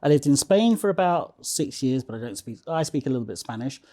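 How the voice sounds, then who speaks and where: A man's mellow, mid-range voice comes across animated and fairly quick. He's a casual interview guest sharing anecdotes with emphasis, repeating phrases and checking in with the listener with an "okay?" after his points.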